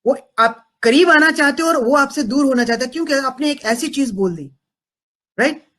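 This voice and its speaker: A man's voice: very high-pitched, normal speed, sharp tone. A man giving a parenting talk to an audience. He switches between Hindi and English and keeps checking in with the listeners. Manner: mixes Hindi and English, keeps asking "am I right?". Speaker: parenting coach.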